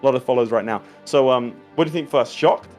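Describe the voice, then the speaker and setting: A man's voice: medium pitch, fast, a little mellow, soft background music. A man co-hosting a live show, playful and hyped in his banter. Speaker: show host.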